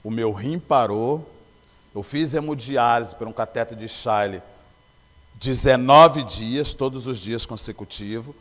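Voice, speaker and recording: A man's voice: medium pitch, measured pace, fairly bright tone. A man gives a personal testimony before a congregation. He tells the story earnestly, voicing each exchange as he goes. His mid-range voice carries a long reverb from the church sanctuary. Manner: earnest storytelling, acting out dialogue. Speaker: church member giving testimony.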